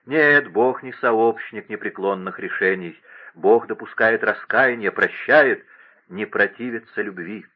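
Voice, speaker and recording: A man's voice: lowish voice, a little slow, muffled recording. A man voicing a young, imperious king who speaks with passion and vehemence. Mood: impassioned. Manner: impassioned, vehement.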